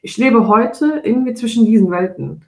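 A woman in her twenties from Germany co-hosting a podcast, speaking in a thoughtful, measured way. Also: fairly high pitch, warm tone. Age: 20s. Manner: thoughtful, measured, laughs easily. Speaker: podcast co-host. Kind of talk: casual podcast conversation. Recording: roomy echo.

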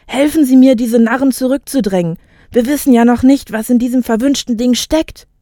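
A woman's voice: on the high side, a little fast, dry recording, clean studio sound, voice pushed up, close to an everyday voice. A woman voicing an alarmed man urging a crowd back in a read-aloud story. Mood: urgent. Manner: urgent, loud pleading.

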